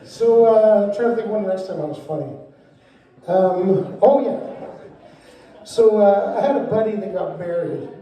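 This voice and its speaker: A man's voice: high-pitched, expressive, a little slow, long pauses. A middle-aged man doing rambling amateur stand-up storytelling at an open mic, hesitant and unrehearsed, often losing his thread. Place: echoey indoor open-mic venue. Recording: very echoey room, distant microphone, muffled.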